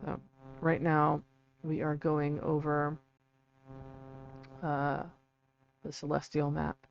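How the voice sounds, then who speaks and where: A man with vocal fry giving a casual, halting livestream explanation, often checking in with a quick "right?" or "okay". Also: fairly high pitch, monotone. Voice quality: vocal fry from an old vocal cord injury. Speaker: livestream host and researcher. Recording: dull lo-fi mic with faint hum.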